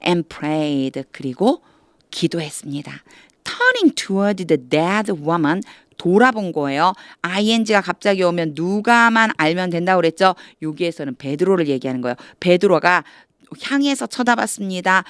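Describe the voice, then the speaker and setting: Woman teacher, lowish voice, dry close recording, slow careful reading then quick explaining. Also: very animated, no room sound. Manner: patient, explains step by step with questions to the viewer; reads English phrases slowly, then explains them quickly. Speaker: English Bible reading teacher. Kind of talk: explanatory lesson.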